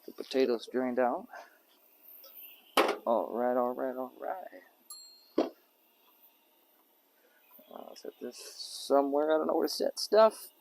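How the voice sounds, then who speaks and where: A man cooks dinner at an outdoor campsite and rambles to the camera, stopping to scold and praise his dog. His voice is gravelly and swings up and down a lot. Faint outdoor noise sits behind him. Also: medium pitch, lively intonation, takes it slowly, pauses often. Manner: rambling, talks to his dog and jokes to himself. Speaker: camping vlogger. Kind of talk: casual talk to camera while cooking.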